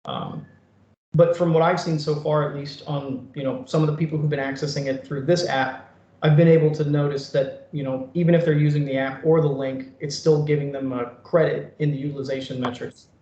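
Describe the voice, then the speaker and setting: Guy doing a casual software demo, higher voice, echoey room sound. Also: fairly even intonation, fairly quick. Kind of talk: informal screen-share demonstration for a work group. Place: online meeting recording from an echoey room. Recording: echoey room, dull online meeting audio.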